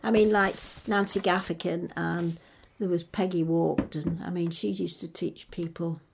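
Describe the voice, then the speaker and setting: A woman's voice: on the low side, flat delivery, normal speed, vocal fry, background noise. An older woman from England reminiscing in casual conversation, hesitant and rambling as she circles back to rephrase. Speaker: interviewee recalling local history.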